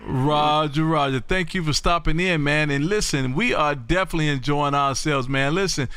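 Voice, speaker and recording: A man's voice: on the high side, normal speed, fairly bright tone, clean tone, dry recording. A man from Texas hosting a livestream as an amateur radio operator, chatting in a folksy, exclamatory way and repeating his phrases. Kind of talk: animated on-air ham radio chat.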